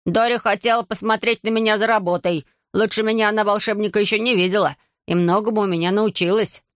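A woman's voice: medium pitch, steady tone, fast talker, dry recording, clean studio sound, close to an everyday voice. A woman voicing a proud, touchy boy wizard who speaks haughtily and sulks. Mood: haughty. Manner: haughty, indignant.

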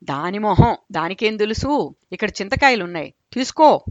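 A woman voicing a loud, bossy elderly man who orders his wife about in a grocery shop. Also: high voice, animated, normal speed, no room sound, highs cut off. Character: loud bossy old man craving pickle.

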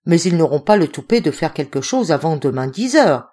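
A woman's voice: deep voice, sing-song, brisk, dark tone. A woman voicing a tearful young woman who pleads with a trembling voice in an audiobook reading. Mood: pleading.

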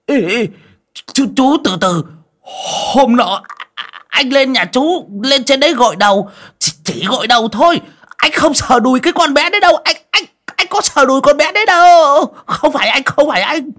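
A man's voice: huge pitch swings, normal speed, pauses often, a bit bright, husky, heavily acted. A man voicing a jittery, cowardly old coffin maker who stammers and whines. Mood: pleading. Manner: stammering, shrill when panicked.

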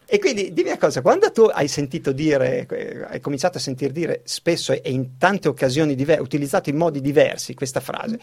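A man's voice: on the high side, big pitch swings, a little fast, gravelly, few pauses, a little mellow. A man hosting a radio talk show in a studio, chatting animatedly and laughing often, with frequent restarts. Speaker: radio host. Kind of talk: casual studio chat.

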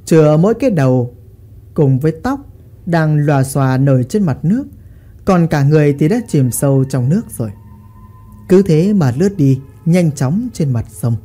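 A woman tells a ghost story with dramatic, expressive delivery. Her voice is mellow and a little husky, and her pitch rises and falls freely. Faint music plays beneath the telling.

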